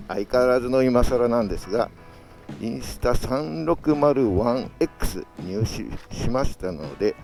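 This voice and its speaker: A man's voice: medium pitch, darkish tone. A man chatting casually as a solo motovlogger, talking from inside a full-face motorcycle helmet into an action-camera mic. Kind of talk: casual solo vlog chat while riding. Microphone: action camera with external mic adapter.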